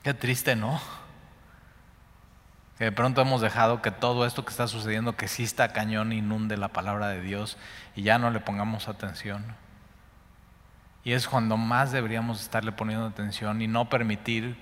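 A man with a Mexican accent preaching a sermon on a Bible passage, repeating words for emphasis and swinging between loud and hushed. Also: on the low side, flat delivery, normal speed, pauses often. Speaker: Bible teacher. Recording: long hall reverb.

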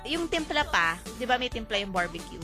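A woman co-hosting a radio show, giggly and lively in casual banter. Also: fairly high pitch, brisk. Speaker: radio co-host. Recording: radio show with music behind.

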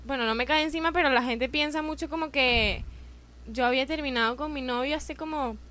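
Bright, animated Venezuelan woman guest. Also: high-pitched, brisk. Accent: Venezuelan, Caracas. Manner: animated, laughing storyteller. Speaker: podcast guest. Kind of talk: casual podcast chat.

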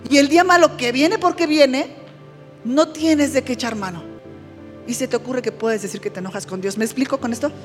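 A woman's voice: sits high, a little fast, long reverb tail, over music. A woman pastor preaching a conversational sermon, often checking that listeners follow.

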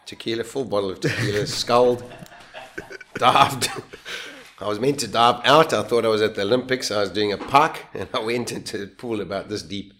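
A man with a fairly low voice, a guest on an interview, relaxes into telling how he survived. He speaks at a moderate pace, animated, sometimes stumbling and starting over mid-sentence and laughing at himself.

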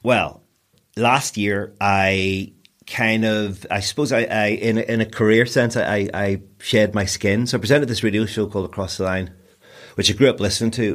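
A Northern Irish man in his forties, a broadcaster and DJ chatting in an interview, rambling and self-deprecating with frequent restarts. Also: on the low side. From Northern Ireland. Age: 40s. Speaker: guest, broadcaster and DJ. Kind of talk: casual interview chat.

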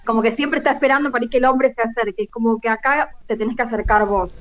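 A woman's voice: on the high side, steady tone, fast. A woman with an Argentine accent, a guest calling in from abroad for a casual radio chat, who laughs often and repeats herself. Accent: Argentine Spanish. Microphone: remote call with delay. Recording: dull, muffled remote call.

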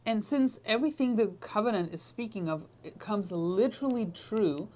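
A woman teaching a Bible class in short, measured phrases, pausing often for an interpreter. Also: medium pitch, lively intonation, darkish tone. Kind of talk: Bible lesson with consecutive interpreting.

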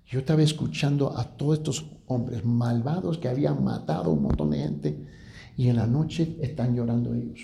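A man, a pastor, preaching a testimony story, sometimes dropping to a hushed voice. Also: medium pitch, moderate pace, vocal fry. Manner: drops to a hushed voice at grave moments. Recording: echoey room.

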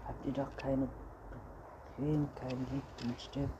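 A man's voice: mid-range voice, flat delivery, slow, highs cut off, natural voice. A man voicing a cheeky, boastful little boy vampire who mocks and brags, in a storybook reading. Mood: mocking. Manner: mocking, proud, giggly. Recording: noisy recording.

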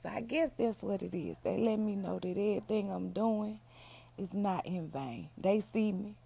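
Female solo podcaster, hoarse and gravelly, mellow delivery, down-home casual chat. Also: medium pitch, moderate pace. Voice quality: raspy. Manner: down-home, addresses listeners as y'all and baby. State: hoarse, feeling unwell. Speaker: podcast host, book reviewer.

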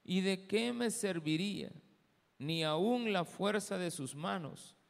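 A pastor with a Salvadoran Spanish accent, reading scripture aloud, praying and preaching in slow, deliberate phrases with pauses. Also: male voice, high voice, gravelly, in a large hall. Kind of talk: sermon with scripture reading and prayer. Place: church sanctuary.

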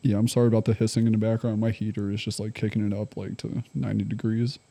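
Male, twenties, deeply mellow and relaxed timbre, slangy joking delivery for casual conversation between friends. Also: quick pace, creaky. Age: 20s. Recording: faint heater hiss in background.

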